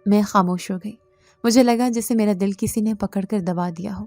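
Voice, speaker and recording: A woman narrates a first-person horror story in an earnest, tense voice at a middle pitch. The recording is close and dry, with no room sound at all. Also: fairly even intonation, darkish tone, no room sound, soft background music.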